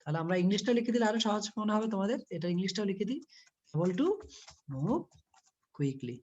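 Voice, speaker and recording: A woman's voice: mid-range voice, sing-song, a little fast, a little mellow. A woman teaching an English poem to a class, explaining it word by word and asking the students questions as she goes. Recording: dull lo-fi recording.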